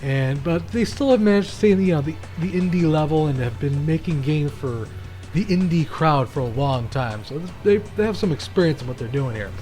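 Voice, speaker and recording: A man's voice: fairly high pitch, lively intonation, a little fast, darkish tone, soft background music. A man hosting a gaming channel, giving casual, rambling commentary with frequent restarts while he plays.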